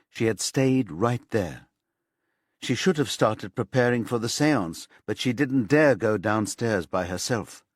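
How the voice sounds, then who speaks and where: A man with a fairly low voice narrates a crime thriller audiobook in a measured, scripted delivery. The recording is very dry and close, with no room sound.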